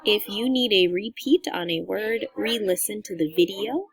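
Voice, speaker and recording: A woman teacher dictating a spelling test to young children, saying each word on its own and using simple, deliberate instructions. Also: medium pitch. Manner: deliberate, says each test word separately and repeats it in a short sentence. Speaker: second grade teacher giving a spelling test.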